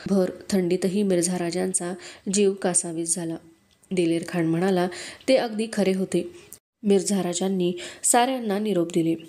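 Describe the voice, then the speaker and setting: A woman reading a historical novel aloud as an audiobook, in steady storytelling narration. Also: on the low side, moderate pace. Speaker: audiobook reader.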